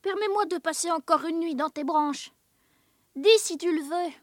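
A woman's voice: very high voice, moderate pace, no echo, studio quality. A woman playing a stubborn orphan boy. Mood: pleading. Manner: earnest, defiant. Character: orphan boy living alone in an oak, stubborn. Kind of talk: radio drama acting.

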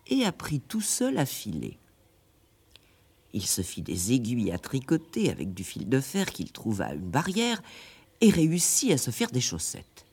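A man narrating a classic tale in a radio drama, with an expressive telling. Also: on the low side, husky. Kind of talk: scripted storybook narration.

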